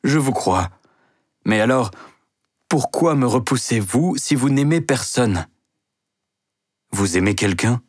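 A man's voice: medium pitch, expressive, slow pace, long pauses, breathy edge, no room sound, pitched above the performer's own voice. A man playing a proud, passionate wealthy store owner who speaks sternly. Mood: tender.

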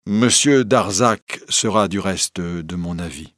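A man's voice: deep voice, slow, fairly bright tone, dry recording. Grieving elderly professor, subdued and sighing, read by a man, dry close sound. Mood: grave. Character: grieving elderly male professor, weary and proud. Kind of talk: audiobook character reading.

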